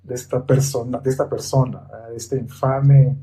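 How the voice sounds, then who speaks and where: A man's voice: mid-range voice, steady tone, normal speed, warm tone. A man on a Bible study podcast, explaining scripture in a patient, methodical teaching tone.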